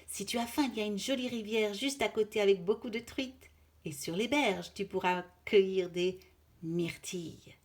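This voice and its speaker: A woman voicing a small, excited young male chamois in a storybook reading, with eager, high, loud cries. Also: moderate pace, natural voice. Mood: pleading.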